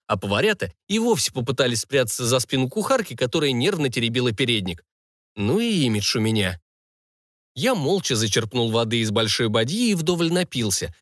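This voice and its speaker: Lively, ironic male audiobook narrator. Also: mid-range voice, dry recording, studio quality. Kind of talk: first-person audiobook narration.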